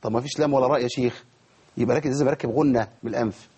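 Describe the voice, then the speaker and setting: A man's voice: mid-range voice, fairly even intonation, rapid-fire, mellow, breathy edge. A man with an Egyptian Arabic accent teaching a tajweed lesson. He quizzes his students and models each pronunciation for them. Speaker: Quran recitation teacher.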